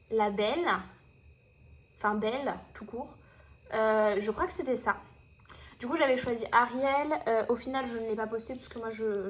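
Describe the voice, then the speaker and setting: A woman chatting casually to camera about her finished coloring pages, with many fillers and restarts. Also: on the high side. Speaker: coloring hobby vlogger.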